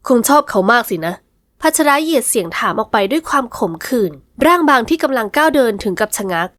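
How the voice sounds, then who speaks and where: A woman's voice: sits high, lively intonation, fast, a bit bright, no echo. Woman narrating an audio romance, dry sound. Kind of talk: scripted audio-novel narration.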